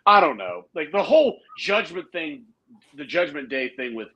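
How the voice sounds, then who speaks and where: A man co-hosting a casual wrestling podcast, his voice bright and slightly high. He rambles through his opinions with restarts and asides. He slips into mocking, laughing voices. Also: big pitch swings, moderate pace, highs cut off. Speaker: podcast co-host. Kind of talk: casual wrestling review chat.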